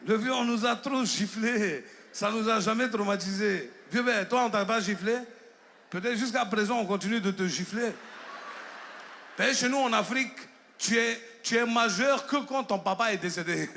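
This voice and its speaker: A man's voice: high-pitched, normal speed, slight background noise. A young man with an Ivorian French accent doing a stand-up comedy set, telling stories animatedly and acting out characters. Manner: animated storytelling, acts out characters. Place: stage with live audience.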